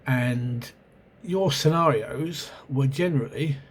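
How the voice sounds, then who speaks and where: He speaks slowly in a medium-pitched, slightly rough voice, congested with a cold and a sore throat. As host of a role-playing game review channel, he rambles through a casual spoken review with frequent ums, hesitations and self-corrections, recorded on a camera mic.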